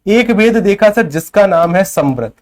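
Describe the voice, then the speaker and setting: A male teacher with a somewhat higher voice, lecturing a class on grammar. He asks a question and answers it himself, over and over. He stops often to check that the class is keeping up. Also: expressive, a little slow.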